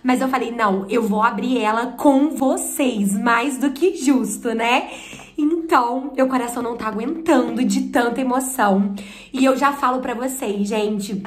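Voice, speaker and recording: A woman with a Brazilian Portuguese accent in an excited unboxing vlog, talking breathlessly and nervously, close to tears. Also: fairly high pitch. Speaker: YouTuber and performer. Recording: echoey room.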